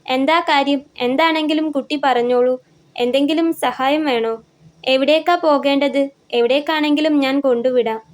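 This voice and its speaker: A woman reading the lines of a calm, helpful adult male auto-rickshaw driver in a story, talking in a reassuring, questioning way. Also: high-pitched, normal speed, close to an everyday voice.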